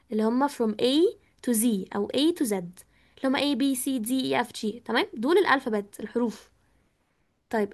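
A woman with an Egyptian Arabic accent teaching an online English class, patiently explaining and asking students questions, with English words mixed into her talk. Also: high voice.

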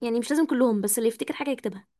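A woman's voice: fairly high pitch, rapid-fire, mellow. A woman with an Egyptian Arabic accent teaching an online English class, patiently explaining and asking students questions, with English words mixed into her talk.

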